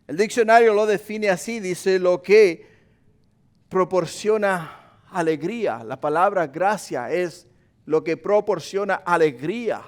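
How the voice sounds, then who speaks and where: A male pastor delivers a passionate sermon. His voice sits high for a man and keeps climbing louder and higher on repeated pleas, then sinks back to a low, quiet tone. He speaks straight to the congregation as brothers and sisters. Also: a little slow. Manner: impassioned preaching, rising in pitch and volume on repeated pleas.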